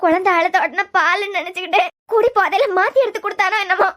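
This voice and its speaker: A very high-pitched, fast-wailing cartoon grandmother with a Kanyakumari Tamil lilt, as a woman puts her on. She laments and pleads in a rapid, shrill rush. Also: fairly bright tone. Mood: pleading. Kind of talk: cartoon serial voice acting.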